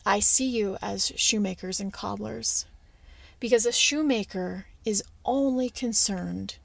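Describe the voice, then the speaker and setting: A woman voicing a humble, bent male sage who speaks calmly and gently in a story she tells. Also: medium pitch, vocal fry, no echo. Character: humble bent sage man, calm, wise.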